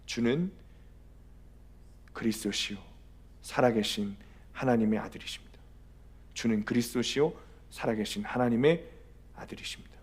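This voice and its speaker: A frail young male prisoner acted out by a preacher confesses in a low, hushed half-whisper. The words come soft and breathy, as if held back. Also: normal speed, long pauses, natural voice. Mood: reverent.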